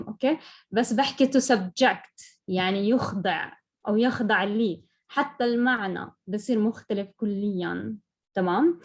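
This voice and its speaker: A woman teaching an English pronunciation lesson, explaining patiently and often checking in with "okay?". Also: fairly high pitch. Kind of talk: classroom lesson.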